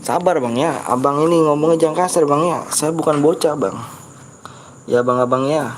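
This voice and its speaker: A man's voice: a little high, normal speed, slight background noise. A man with a Betawi Jakarta accent hosting a casual live game stream, chatting with viewers, reading their comments and lecturing rude ones on politeness.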